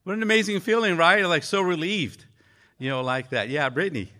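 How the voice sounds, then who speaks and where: Bright-voiced earnest male preacher. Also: fairly high pitch. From Mexico. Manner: earnest, halting with frequent fillers. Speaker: pastor. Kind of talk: conversational church sermon.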